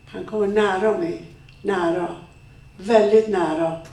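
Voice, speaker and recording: A middle-aged woman with a gravelly, creaky voice gives a dramatic first-person testimony, speaking in short, halting phrases. She stands some way from the mic in an echoey room, so her words ring off the walls. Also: mid-range voice, fairly even intonation, warm tone, recorded from a distance. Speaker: women's rights activist. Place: stage in a large room.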